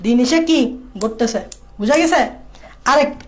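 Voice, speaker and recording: A woman's voice: high-pitched, animated, moderate pace, slight background noise. A woman tutoring biology for exams in a casual lecture, repeating key points and checking that students follow. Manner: repetitive, drilling key points. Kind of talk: exam-prep lecture.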